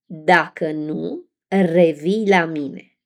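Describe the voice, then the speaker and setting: A woman playing Ursula, a slow sly sea witch. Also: low voice, darkish tone. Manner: slow, drawn-out bargaining.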